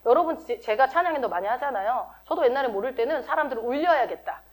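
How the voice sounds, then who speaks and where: A middle-aged female pastor talks quickly and expressively, her voice sitting high. She delivers her sermon like a conversation, repeatedly asking the congregation questions.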